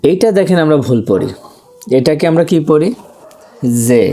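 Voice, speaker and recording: Male teacher, mellow voice, patient drilling lesson, keeps repeating letters for the class. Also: a little high, expressive, brisk. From Bangladesh. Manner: asks rhetorical questions, drills pronunciation by repetition. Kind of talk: grammar lesson for beginners.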